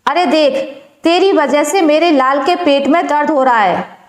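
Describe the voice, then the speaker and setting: A woman's voice: high-pitched, lively intonation, measured pace. A woman voicing a harsh, scolding stepmother who taunts the children. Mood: scornful. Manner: scornful, taunting. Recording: echoey room.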